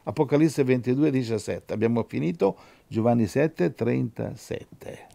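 Fervent man preaching, gravelly voice, dry recording. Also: medium pitch, a little slow, dry recording. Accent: Italian. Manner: fervent, swings from loud exhortation to soft prayer. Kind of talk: radio sermon with scripture reading.

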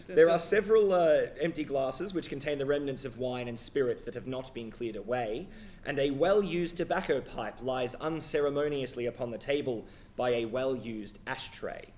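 A man with an Australian accent who narrates a tabletop horror game as game master, in a measured, descriptive way. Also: mid-range voice, a little mellow.

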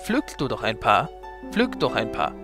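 A man voicing a sly, hungry male mountain lion who coaxes his prey in a low, hushed way, read from a storybook. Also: very animated, moderate pace, music in the background. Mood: scheming.

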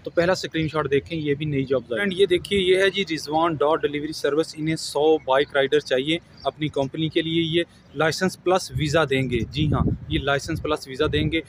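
A man's voice: fairly high pitch, steady tone, a little fast, hardly any pauses, rough recording. A man, giving earnest job advice to viewers in a casual vlog, recorded outdoors on a camera held at arm's length. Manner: earnest, advising, addresses viewers as friends. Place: outdoors on a grassy lawn by buildings. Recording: outdoor ambience with traffic noise.

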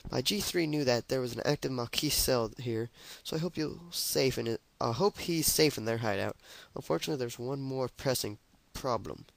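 A man's voice: medium pitch, moderate pace, vocal fry, hardly any pauses, dry recording, close to an everyday voice. A young man voicing a French resistance woman, reading her mission briefing aloud in a mock French accent.

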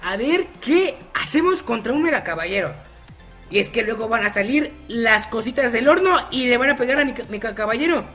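A man's voice: very high-pitched, expressive, fairly quick, sharp tone, faint music behind. A man commenting on his own gameplay, chatty and teasing his opponents by name. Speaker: gaming YouTuber.

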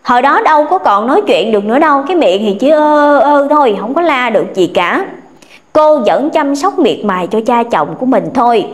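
A woman's voice: high voice, expressive, fairly quick. A woman narrating a ghost story in a colloquial, dramatic way.

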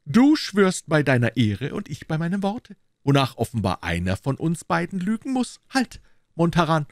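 A man reading puts on a rowdy soldier of the king's guard who teases with feigned gravity. He talks louder and somewhat higher than the reader's own voice, in a dry close recording. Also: wildly swooping pitch, moderate pace, no echo. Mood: mocking. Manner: mock-serious, loud. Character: male royal guardsman, mocking and boisterous. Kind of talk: audiobook character voice.

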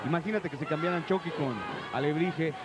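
A man's voice: a little high, brisk. A man with a Mexican accent giving live wrestling commentary. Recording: noisy arena broadcast. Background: loud arena noise.

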